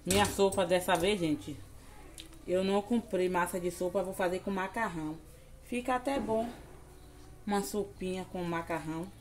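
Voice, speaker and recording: A woman's voice: on the low side, moderate pace, darkish tone, a little hiss or hum. A woman with a Bahian accent chatting casually in a home vlog, cooking in her kitchen and cooing affectionately at a baby. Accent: Bahian Brazilian Portuguese. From Bahia, Brazil. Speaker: home vlogger.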